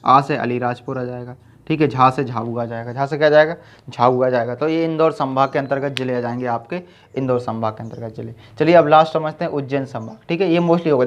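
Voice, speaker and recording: A man teaching an exam-prep lesson with memory tricks, who keeps saying "okay" and quizzes the listener as he goes. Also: medium pitch. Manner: repeats "ठीक है" and quizzes the viewer. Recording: dull lo-fi sound.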